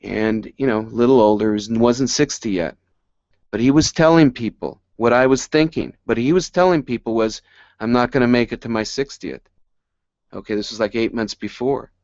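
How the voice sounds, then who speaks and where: Male presenter, mid pitch, excitable and rambling storyteller, dry dull recording. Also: normal speed, dry recording. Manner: excitable, rambling, laughs often. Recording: dry, slightly dull sound.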